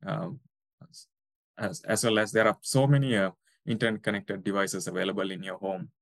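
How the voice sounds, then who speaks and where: Low hesitant guy from sri lanka explaining stuff, dry close sound. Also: fairly even intonation, moderate pace, vocal fry, no echo. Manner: hesitant, many fillers. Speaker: guest researcher. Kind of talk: interview answers.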